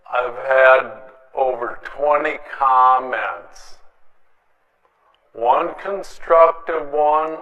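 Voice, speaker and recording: Male local-access host, mid-pitched and slow, blunt and defiant, opinion monologue, dull recording. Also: fairly bright tone. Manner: blunt, defiant, repeats himself for emphasis.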